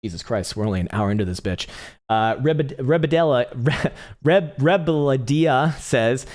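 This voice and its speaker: In a mid-range, slightly mellow voice, a young crypto chart analyst runs a livestream. His talk is fast, casual and full of profanity, punctuated by frequent laughter and restarted words, and his voice is beginning to go.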